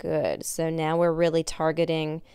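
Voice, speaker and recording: A woman's voice: sits low, completely flat delivery, measured pace, warm tone, smooth, dry recording. A young woman instructing an at-home workout like an aerobics instructor, giving encouraging cues as she exercises along. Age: young adult. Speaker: fitness instructor. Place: indoor wood-floored exercise studio.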